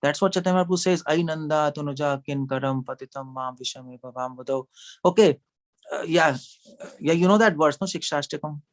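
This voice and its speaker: A man's voice: on the high side, fairly quick. A man giving a sermon to a small gathering, talking in a conversational way, asking the audience questions and laughing often. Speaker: speaker at a devotional gathering.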